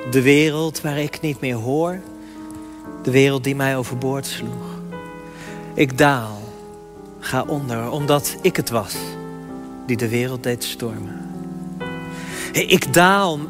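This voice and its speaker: A man's voice: fairly high pitch, a bit bright. A man, a pastor, speaking in church, explaining informally with some hesitation, then reading scripture and performing spoken-word poetry.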